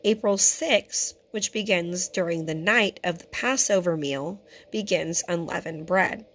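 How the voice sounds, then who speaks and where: A hoarse woman who keeps clearing her throat, giving an earnest, conversational scripture teaching to her viewers. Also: lowish voice, a little slow, fairly bright tone. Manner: earnest and conversational, addresses viewers as brothers and sisters. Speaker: teacher of a Torah fellowship. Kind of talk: home-made teaching video.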